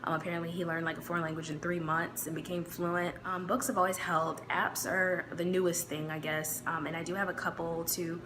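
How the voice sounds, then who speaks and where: Speaking on the low side and fairly quickly with hardly any pauses, a female vlogger from the United States chats to camera. She has a Midwestern American accent, a relaxed manner and many fillers, with noise behind her.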